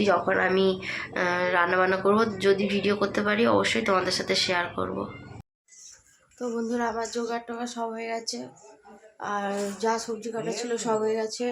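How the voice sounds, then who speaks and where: A woman's voice: medium pitch, a little hiss or hum. A young woman chatting casually to her viewers in a daily home vlog, filming herself with a handheld phone. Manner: chatty, addresses viewers as friends; speaks softly so passers-by won't stare. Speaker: vlogger. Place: family home in a semi-rural village. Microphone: handheld phone camera.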